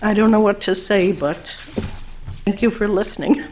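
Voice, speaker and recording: A woman's voice: mid-range voice, normal speed, a little mellow, a little hiss or hum, rough recording. A woman speaking as a resident at a village board meeting, complaining in an upset way. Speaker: resident speaking at public comment. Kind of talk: public comment at a meeting.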